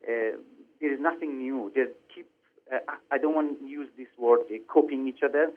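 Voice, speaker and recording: Iranian-born guy, director, lots of um and uh and restarts, middle pitch, tinny phone sound. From Iran. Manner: halting, many fillers and restarts. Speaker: film director. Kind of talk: interview over the phone.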